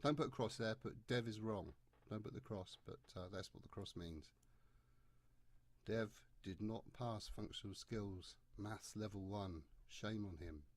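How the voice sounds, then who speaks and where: A man's voice: on the low side, unhurried. A man talking through a maths exam paper step by step, chatty and jokey. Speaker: maths tutor. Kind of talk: exam paper walkthrough lesson.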